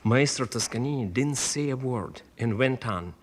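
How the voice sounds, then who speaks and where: An older man, an opera singer, telling a story about a rehearsal with lively acted-out quotes, on an old radio broadcast. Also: mid-range voice, moderate pace. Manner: animated storyteller acting out quotes. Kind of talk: storytelling reminiscence. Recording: 1960s radio broadcast transfer.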